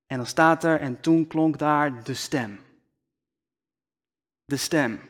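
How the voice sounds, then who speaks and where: A man preaching a sermon slowly and deliberately, often dropping to a near-whisper for emphasis, speaking into a microphone. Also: fairly high pitch. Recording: long hall reverb.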